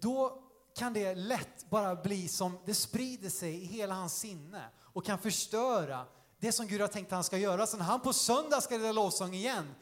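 A high-voiced male preacher delivering a lively sermon in a church hall. He talks conversationally, full of fillers, and acts out his points with sudden shouts and sound effects. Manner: animated, demonstrative, conversational with many fillers.

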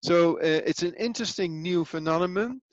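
A man from the Netherlands with a Dutch accent, a business coach explaining his ideas in a halting way full of fillers. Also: high-pitched, highs cut off. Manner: hesitant, many fillers and restarts. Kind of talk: explanatory interview answers.

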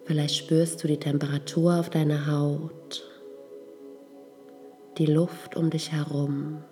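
A woman leading a guided meditation, giving soft, calm instructions. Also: low voice, takes it slowly, faint music behind.

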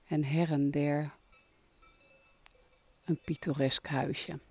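Leading a relaxation exercise, a soft-spoken meditation guide uses a calm, breathy voice of medium pitch that drifts into whispers, speaking very slowly.

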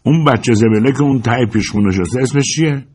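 A man's voice: medium pitch, a little mellow, slight background noise, voice pushed up, close to an everyday voice. A man voicing a menacing adult male hired gunman who barks curt orders, in a dramatized audiobook. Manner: bossy, curt commands.

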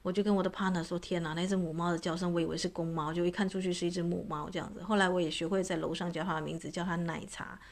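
A woman's voice: on the low side, flat delivery, very fast, hardly any pauses. A woman, a voice coach talking casually to her audience, chatty and full of filler particles. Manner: chatty, many filler particles, imitates cat meows. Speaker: voice and astrology coach.

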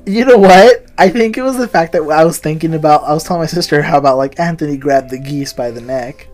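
Soft background music plays as a young man co-hosting a podcast tells a meandering story at a fast clip. His pitch is fairly high, and he's animated, curses freely and performs the quoted lines.

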